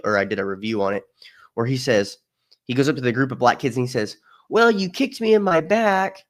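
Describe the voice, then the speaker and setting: Animated male storyteller guest. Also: lowish voice. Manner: animated storyteller, acts out quotes. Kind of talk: casual chat.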